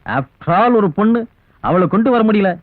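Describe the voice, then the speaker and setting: A gruff scolding father. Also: high-pitched, expressive, normal speed, dry recording. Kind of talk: comic film dialogue. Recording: tinny film soundtrack with music.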